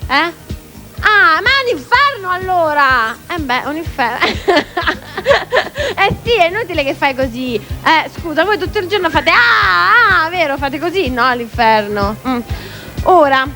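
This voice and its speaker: A woman's voice: high voice, big pitch swings, moderate pace, pushed and bright, soft background music. A woman hosting a TV variety show in a studio, chatting in a teasing, playful way with a costumed guest.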